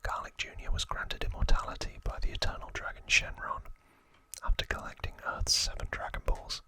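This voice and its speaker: Short phrases and unhurried pauses mark this man's soft ASMR whisper. He hosts the video and explains trivia informally in a breathy tone.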